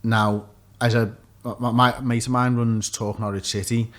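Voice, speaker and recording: A man's voice: medium pitch, flat delivery, a little slow. A man, talking casually and offering opinions as an interview guest. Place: small office studio, indoors. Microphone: desk microphone.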